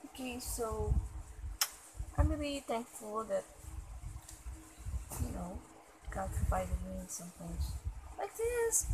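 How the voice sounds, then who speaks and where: A woman's voice: fairly high pitch, noisy background. A young adult woman with a Filipino accent, chatting casually as a vlogger in a haul video, recorded in a small room at home. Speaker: vlogger showing shopping haul.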